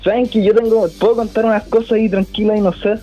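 Chilean teen guy calling in, fairly high voice, slangy and hesitant, faint music under it. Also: flat delivery, quick pace, warm tone. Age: teens. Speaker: caller. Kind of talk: casual phone-in chat.

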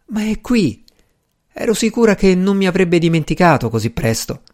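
Guy reading as a soft hopeful young lady, high wistful voice, audiobook. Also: sing-song, moderate pace. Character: young English lady, tender and hopeful, dreamy.

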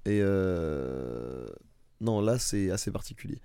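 A man co-hosting a podcast in casual chat, rambling with restarts and getting animated about comedy. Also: sits low, slow, clear, resonant tone, no echo, clean studio sound. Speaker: podcast co-host.

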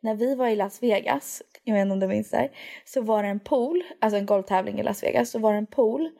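A woman's voice: medium pitch, vocal fry, dark tone. A young woman co-hosting a podcast in casual chat, giggly and mixing Swedish with English. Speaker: podcast co-host.

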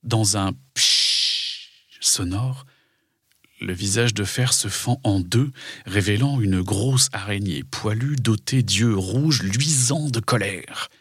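A man with a lowish, very breathy and husky voice narrates a children's story. The delivery is scripted and dramatic, recorded close and dry. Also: slow pace, a bit bright, no room sound.

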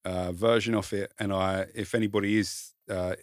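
A man's voice: low-pitched, fairly even intonation, normal speed, no echo, clean studio sound. A man from Kent with a south-east English, Essex-like accent, talking casually and modestly about himself as an interview guest. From Kent, England. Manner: self-deprecating, informal, swears. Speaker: podcast guest, content creator and author. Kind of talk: casual conversation, personal storytelling.

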